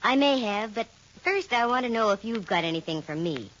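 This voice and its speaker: A woman playing a brisk, sharp-witted private detective, acting and narrating in the style of 1940s radio. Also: a little high, expressive. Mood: blunt, challenging. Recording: muffled vintage radio recording. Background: music.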